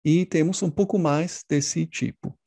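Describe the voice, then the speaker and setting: Slow, gravelly-voiced male academic presenter. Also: fairly high pitch, fairly even intonation, warm tone, no room sound. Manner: measured, explanatory, frequent hesitation fillers. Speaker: linguistics researcher presenting.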